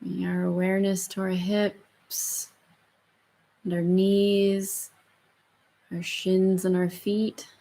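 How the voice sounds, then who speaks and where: Soft, soothing woman guiding meditation. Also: medium pitch, monotone. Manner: soft, soothing, slow murmur with long pauses. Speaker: yoga and meditation instructor. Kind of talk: guided meditation.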